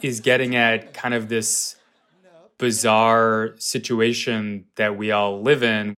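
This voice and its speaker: A man with an American accent explaining things conversationally as an interviewed reporter, halting and rephrasing as he goes. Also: fairly low pitch, level tone, fairly bright tone, smooth.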